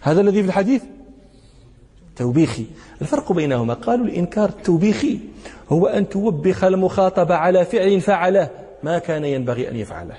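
High-voiced husky man teaching, reverberant hall. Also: animated, warm tone. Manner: explains through rhetorical questions, checks listeners with short prompts; slows into a lower tone when quoting verses and poetry. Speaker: sheikh teaching hadith commentary. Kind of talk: classical religious lesson.

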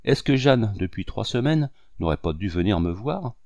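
A man's voice: fairly low pitch, sing-song, moderate pace, dark tone, no echo, lo-fi sound. A man reading aloud and voicing an agitated, impulsive young married woman with exclamatory lines. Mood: resentful.

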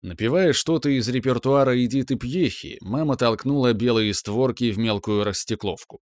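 A man narrating a novel in the first person, his voice at an ordinary pitch. His delivery is wry and inward, set close to the mic in a dead-dry booth with no room sound at all. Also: normal speed, darkish tone, dry recording. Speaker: audiobook narrator.

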